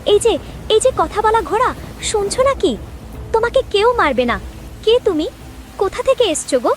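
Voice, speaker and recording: A woman voicing a gentle, plaintive, downtrodden young village wife in a cartoon fairy tale. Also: high-pitched, lively intonation, normal speed, slight background noise. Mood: concerned. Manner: plaintive, tender.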